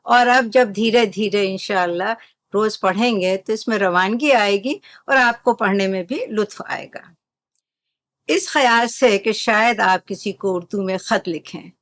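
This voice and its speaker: A woman teaching an Urdu lesson, explaining patiently and calmly with examples. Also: medium pitch, a little slow, no echo.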